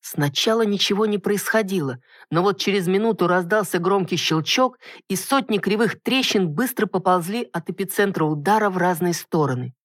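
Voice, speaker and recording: A woman narrating a fantasy audiobook in steady first-person reading. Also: fairly low pitch, no room sound, clean studio sound.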